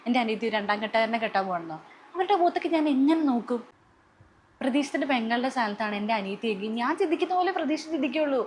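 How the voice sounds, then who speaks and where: A woman's voice: on the high side, lively intonation, very fast, slight background noise, lightly acted. Woman playing an indignant, scolding elder sister. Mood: stern. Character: angry, proud elder sister opposing a marriage. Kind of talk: family skit acting.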